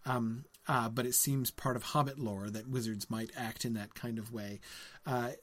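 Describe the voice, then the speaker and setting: A man of average pitch hosts a live book discussion and talks through his ideas as he goes. His speech is hesitant and full of ums. He keeps checking in with his listeners by asking "right?". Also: steady tone, moderate pace, a bit bright. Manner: hesitant, many ums, ends points with "right?"; reads passages aloud between comments. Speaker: host of a book discussion stream.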